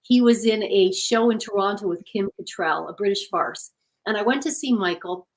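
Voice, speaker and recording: A woman's voice: mid-range voice, moderate pace, poor audio. A middle-aged woman, an author being interviewed, speaking in an earnest, reflective storytelling way. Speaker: author and guest. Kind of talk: interview conversation.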